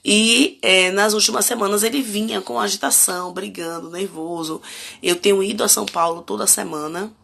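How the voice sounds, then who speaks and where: Brazilian woman with a gravelly voice. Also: mid-range voice, fairly even intonation, normal speed, a bit bright. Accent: Brazilian Portuguese. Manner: reflective, asks the audience many direct questions. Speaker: parenting educator hosting a live stream. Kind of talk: casual live-stream talk to viewers.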